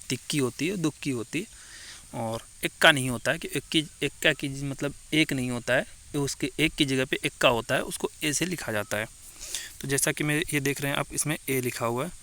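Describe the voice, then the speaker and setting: A man's voice: medium pitch, fairly bright tone, a little hiss or hum. A man giving a casual step-by-step voice-over for a card game tutorial, talking conversationally, mixing in English words and stopping to correct himself.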